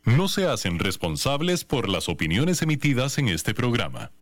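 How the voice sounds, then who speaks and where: A man reading a radio station identification with a drawn-out, stylized delivery. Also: medium pitch, sing-song, no room sound, clean studio sound. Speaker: station announcer. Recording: voice over faint music.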